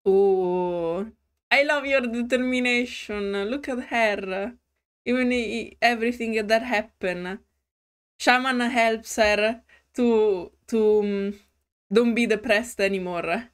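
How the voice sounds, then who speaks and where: Slow, giggly woman streamer. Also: on the high side, clean tone. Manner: slow, giggly and hesitant, with restarts. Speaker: gaming streamer. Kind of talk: reading a story game aloud with commentary.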